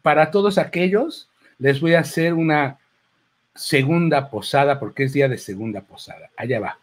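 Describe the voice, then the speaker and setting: Speaking at a moderate pace in a fairly high voice, a male clown with a Mexican accent addresses a book launch from the presentation table. His informal handheld-mic talk is meandering and chatty, peppered with asides and quotes.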